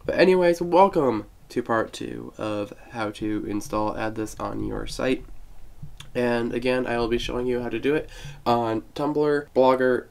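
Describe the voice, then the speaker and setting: A young man with a creaky, mid-range voice, still getting over a cold, hosts a casual screen-recorded tech tutorial. He chats through building a website step by step, adding self-deprecating asides.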